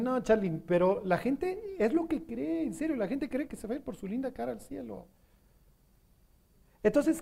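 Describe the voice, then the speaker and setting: His voice is very high-pitched, gravelly and dark as this Mexican-accented man delivers a sermon. He speaks conversationally, often asking the audience questions to see if they understand.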